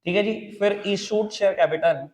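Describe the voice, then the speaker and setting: An Indian man with a high voice teaches accounts in a classroom lecture, his Indian English mixed into Hindi. He coaxes his students, calling them beta and babu and repeating himself, and dictates slowly while spelling out each entry.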